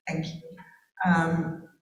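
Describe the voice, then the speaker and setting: A woman from Curacao whose first language is Dutch speaks reflectively as a participant in a panel discussion, hunting for words and restarting sentences. Her voice sits low and a little mellow, with a lo-fi quality. The mic is far away, so the sound is roomy.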